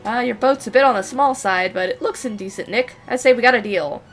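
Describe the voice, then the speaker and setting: A boastful sea captain from a video game, full of sailor slang, as a woman reads him aloud. The voice sits fairly high, with faint game music behind. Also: fairly quick, lightly acted. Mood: hearty. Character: gruff male pirate captain, boastful.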